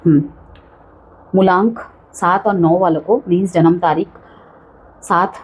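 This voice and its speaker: A woman's voice: on the low side, fairly even intonation, a little slow, muffled recording, a little hiss or hum. A woman giving a chatty monthly tarot horoscope reading, full of warnings and frequent check-ins with the listener. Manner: chatty, cautionary, repeats "ठीक है" often. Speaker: tarot reader.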